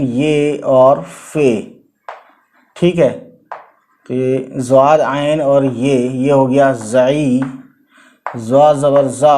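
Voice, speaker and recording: Man slowly spelling words for learners. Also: mid-range voice, darkish tone, slight background noise. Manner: slow, repeats letters and sounds out spellings; frequent "theek hai" and "hai na" tags. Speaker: language teacher. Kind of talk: casual teaching.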